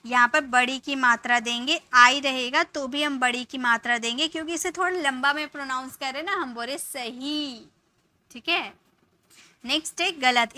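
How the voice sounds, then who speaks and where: A woman's voice: high-pitched, pushed and bright. A woman teacher giving a patient spoken lesson, spelling out each letter and sound one at a time. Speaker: English teacher.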